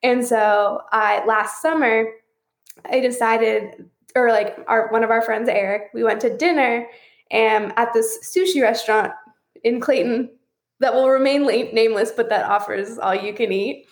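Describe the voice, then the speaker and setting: A woman's voice: fairly high pitch, measured pace, reverberant. A woman in her twenties, a podcast guest telling frank, casual stories full of filler words and swearing, over a video call. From St. Louis area. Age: 20s. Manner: candid storyteller, swears freely, many "like" fillers. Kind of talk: casual chat.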